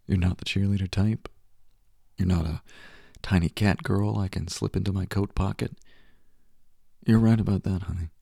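A man giving soft, hushed, tender second-person roleplay narration, often dropping to a whisper. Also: low-pitched, steady tone, moderate pace, vocal fry, long pauses, husky, no room sound, clean studio sound. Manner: tender and reassuring. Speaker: audio roleplay performer.

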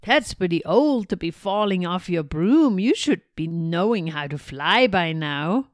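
A woman's voice: on the low side, lively intonation, unhurried, dry recording, clean studio sound. A woman voicing an eager, bouncy young squirrel in a storybook reading, in a pleading way. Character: bouncy thirteen-year-old squirrel, eager.

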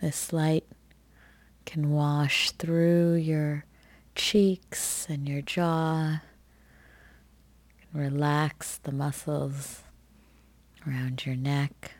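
A woman leads a guided meditation in a low, mellow voice. She speaks very slowly and gently, leaving long pauses between soft, soothing phrases. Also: fairly even intonation, no room sound.

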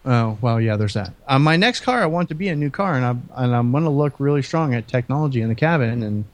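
A man's voice: mid-range voice, lively intonation, fast talker. A man co-hosting a podcast in casual conversation. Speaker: podcast co-host. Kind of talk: casual chat.

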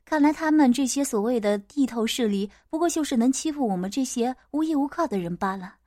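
A woman narrating a first-person story in a steady audiobook manner. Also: high-pitched, fairly quick, no echo, clean studio sound.

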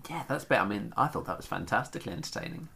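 A man's voice: medium pitch, animated, rapid-fire, vocal fry, pushed and bright. A British man co-hosting a podcast, chatting and telling anecdotes in a teasing, wry way. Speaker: podcast co-host. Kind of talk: casual banter and anecdotes.

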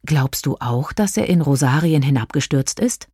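A woman voicing a curious, kind young fairy princess in a children's story, in a lively, slightly raised voice. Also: very deep voice, moderate pace, breathy edge, no room sound, studio quality, exaggerated voice. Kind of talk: audiobook character voice.

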